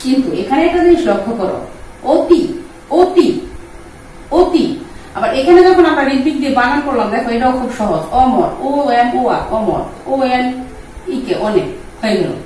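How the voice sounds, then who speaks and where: A woman, teaching pronunciation, patiently repeating words slowly for her students. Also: sits high, expressive, a little mellow, recorded from a distance, slight background noise. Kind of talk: explaining Bengali pronunciation lesson. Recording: echoey room, voice from off-mic.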